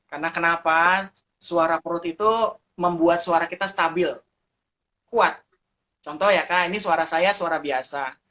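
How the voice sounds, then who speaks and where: A man's voice: high voice, pushed and bright. A man answering interview questions as a teacher of puppet ministry, talking animatedly and showing how to do voices as he explains.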